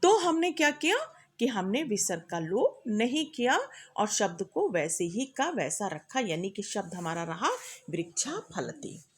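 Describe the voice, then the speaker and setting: A woman's voice: medium pitch, sing-song, a little slow, husky. A middle-aged woman teaching a class, explaining patiently and often checking that her students follow. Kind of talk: classroom lecture.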